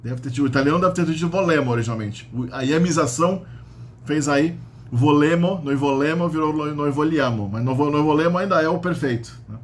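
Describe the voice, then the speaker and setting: A language teacher, this man speaks a little high and briskly, and his Brazilian Portuguese accent colors a casual spoken grammar lesson. He explains step by step, often tagging "né?" and "tá?", over a faint hiss or hum.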